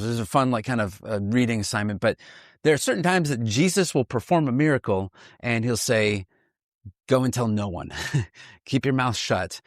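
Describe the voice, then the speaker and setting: A man's voice: fairly low pitch, no echo. Man explaining scripture outdoors, dry sound. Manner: animated explainer with frequent restarts. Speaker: Bible teacher host. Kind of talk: conversational Bible teaching. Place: outdoors at ancient hilltop ruins.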